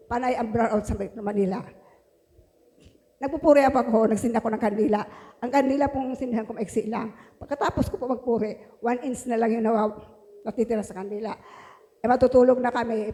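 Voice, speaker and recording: A woman's voice: a little high, dark tone. A woman giving a fervent religious testimony in church, often breaking into exclamations of praise. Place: church hall. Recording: long hall reverb.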